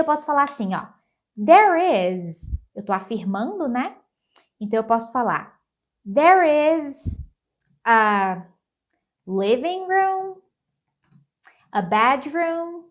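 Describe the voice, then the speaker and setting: A woman teaching English in a casual video lesson, animated and chatty, who slows right down for her English example sentences and speeds up for her explanations. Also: a little high. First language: Portuguese.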